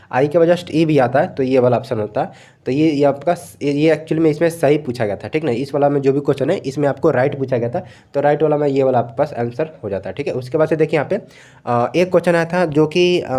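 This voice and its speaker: A young man, casually going over exam questions as a coaching teacher and often repeating a filler phrase. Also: a little high. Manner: relaxed, repeats "thik hai" often, mixes in English words. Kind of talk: casual explanatory lecture.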